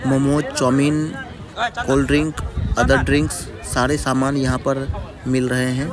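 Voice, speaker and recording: A man's voice: medium pitch, measured pace, over music, a crowd in the background. A man narrating a casual travel vlog at a riverside picnic spot, talking to viewers like friends. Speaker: travel vlogger.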